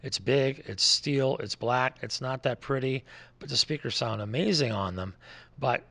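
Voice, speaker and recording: A loudspeaker distributor presents his products in an informal, conversational overview, explaining things the way a distributor would. His mid-range voice is a little slow with a sharp tone.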